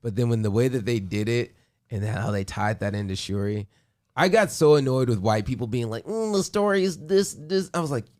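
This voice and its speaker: A man hosting a podcast, chatting casually and excitedly in quick bursts with restarts. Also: on the low side. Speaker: podcast host. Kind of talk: casual chat.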